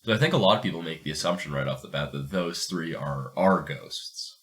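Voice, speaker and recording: A man with a brisk bass voice and a fairly bright tone hosts a fiction podcast. He reads a story aloud with dramatic narration and adds casual commentary.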